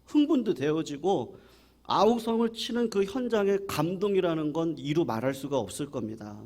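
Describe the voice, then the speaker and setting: Lively, animated male pastor preaching. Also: a little high, moderate pace. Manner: animated storytelling, acting out quoted voices; asks the congregation questions. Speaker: senior pastor. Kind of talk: Sunday morning sermon. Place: church service.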